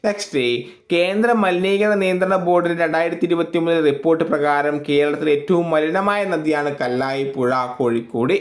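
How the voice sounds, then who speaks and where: A man with a fairly high voice runs an exam-prep quiz lesson. He reads out each question, gives the answer, then repeats both and tells listeners to remember them, speaking casually. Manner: informal, addresses listeners casually. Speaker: exam coach. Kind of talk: current affairs quiz lesson.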